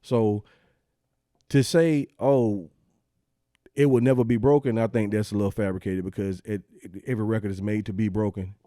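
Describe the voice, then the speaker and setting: A man in casual sports talk, his voice dark and mellow. He rambles in a relaxed way, doubling up words before landing his point. The sound is dry and close, with no room around it. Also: fairly low pitch, normal speed, no room sound. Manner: rambling, repeats words, laid-back. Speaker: podcast co-host.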